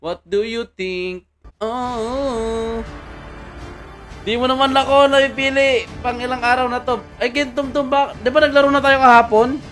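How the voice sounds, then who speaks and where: A man chatting excitedly while livestreaming a mobile game, teasing his opponent as he plays. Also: very high voice, moderate pace, faint music behind. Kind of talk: casual live game commentary.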